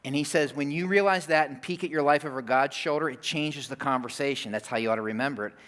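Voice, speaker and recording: Storytelling pastor in a reverberant hall. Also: male voice, medium pitch, quick pace, fairly bright tone. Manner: conversational, storytelling with asides to the congregation. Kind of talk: sermon. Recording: long reverb of a church hall.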